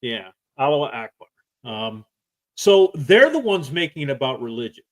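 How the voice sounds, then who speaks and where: A man co-hosting a live-stream podcast, talking forcefully with restarts and repeated points. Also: medium pitch, big pitch swings, moderate pace. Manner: forceful, repetitive, stop-start. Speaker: podcast co-host. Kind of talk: casual live-stream talk.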